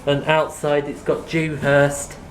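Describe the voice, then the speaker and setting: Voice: mid-range voice, completely flat delivery, slow pace. A person giving casual, matter-of-fact commentary on equipment in short factual remarks. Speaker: lift enthusiast filming tours. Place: inside lifts in a store. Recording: echoey, noisy lift interior.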